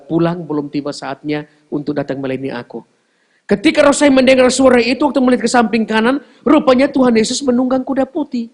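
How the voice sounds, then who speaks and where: A man giving an emotional personal testimony in church, swinging between loud cries and hushed low speech. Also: creaky.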